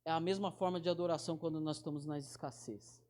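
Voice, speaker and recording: A man's voice: fairly high pitch, fairly even intonation, a little mellow. A man preaching a casual, direct sermon, often restarting his sentences. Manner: informal, direct, addresses listeners as brother; halting restarts. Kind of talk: conversational sermon.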